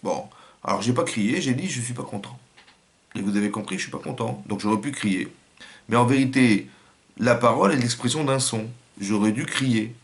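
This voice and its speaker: A man's voice: on the low side, gravelly. A man with a French accent giving a religious lesson as a rabbi, acting out little scenes and quotes in changing voices.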